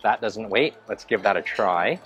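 Male food vlogger, 30s, eager casual narration on a handheld camera in a big indoor buffet hall, soft music underneath. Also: fairly low pitch, animated, normal speed, dull audio. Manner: enthusiastic, narrates each dish as he eats. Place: large indoor hotel buffet restaurant. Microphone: handheld camera at arm's length.

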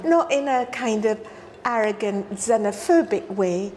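Seated indoors on a hotel lounge sofa, a middle-aged woman gives a conversational interview about her environmental work. She is a South African-born scientist who grew up in London, and she speaks earnestly and in measured tones. Her voice is on the high side, and slight background noise can be heard.

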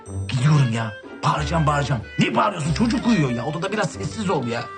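A man's voice: a little high, very animated, fast, gravelly, music in the background. An actor playing a scheming, lazy man who wheedles his wife and brother with melodramatic complaints. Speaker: actor in a TV comedy series.

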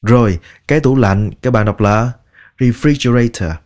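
A man teaching English pronunciation, drilling each word slowly and repeating it many times. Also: on the low side, darkish tone. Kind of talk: slow, deliberate pronunciation lesson.

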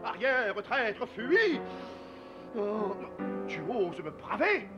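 A man's voice: high voice, very animated, very slow, muffled recording, music in the background, heavily acted. A man voicing Loup-Garou, a hammy male werewolf actor who stumbles over forgotten lines, in 1960s children's TV puppet acting. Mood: defiant.

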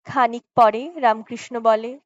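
A woman narrates an audiobook story in a high, unhurried voice. She reads softly and dramatically, close to the mic. The recording is dry and a little dull. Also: fairly even intonation, no room sound. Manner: slow, soft dramatic reading with acted dialogue.

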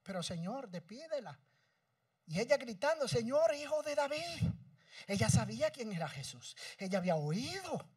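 Preacher guy, really high pitched, shouting then going quiet, dry and kinda distant. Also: sing-song, moderate pace, breathy edge, dry recording. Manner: swings from shouting to hushed, dramatic. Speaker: pastor. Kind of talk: sermon.

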